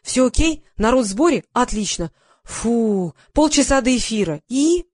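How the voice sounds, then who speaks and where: A woman voicing a brash young female TV producer who barks loud, rapid orders. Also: on the high side, lively intonation, no room sound, clean studio sound, voice pushed up. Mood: bossy.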